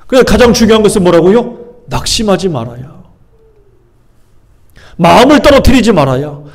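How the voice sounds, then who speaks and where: Male pastor, slightly high voice, preaches by quizzing the congregation and voicing people's inner thoughts. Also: darkish tone. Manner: asks the congregation rhetorical questions and answers them. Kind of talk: sermon.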